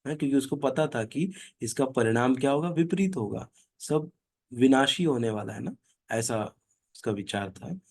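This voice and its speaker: A man leading an online reading group who chants verses slowly and then explains them in casual, conversational talk. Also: medium pitch, animated, vocal fry. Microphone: online video call.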